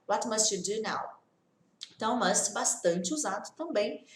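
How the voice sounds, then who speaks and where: A woman teaches an English lesson, explaining patiently, checking in with short questions and repeating example sentences slowly. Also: on the high side. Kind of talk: English lesson for Portuguese speakers. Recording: echoey room.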